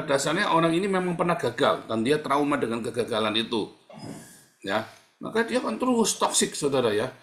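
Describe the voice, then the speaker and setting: Mid-range in pitch and fairly bright in tone, a middle-aged pastor's voice fills an echoey room during a live-streamed sermon. He exhorts and repeats himself, calling his listeners "saudara" again and again.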